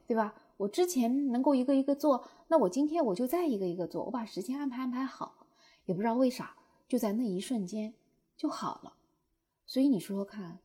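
A young woman telling viewers a personal story in a lively way, acting out her own past outbursts. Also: on the high side, breathy edge. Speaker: short-video creator.

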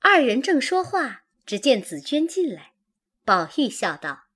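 A woman narrating a classical novel in a measured, expressive way. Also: sits high, husky. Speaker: audiobook narrator.

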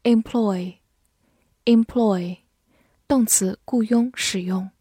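A woman teaching English vocabulary to Chinese learners. She says each word twice, slowly, then gives its meanings. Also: mid-range voice, warm tone, no room sound, clean studio sound. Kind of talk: scripted vocabulary lesson.

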